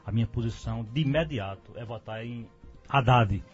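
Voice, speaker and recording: A man stating his position firmly and at a measured pace as a guest on a radio debate. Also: medium pitch, husky, faint music behind. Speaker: guest commentator. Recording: dull lo-fi radio studio sound.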